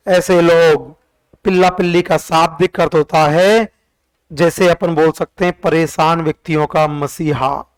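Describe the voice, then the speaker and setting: Slow, high-voiced male teacher drilling facts. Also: clear, resonant tone, poor audio. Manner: drills facts by repeated questions, sing-song counting. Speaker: history teacher. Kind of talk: call-and-response classroom revision.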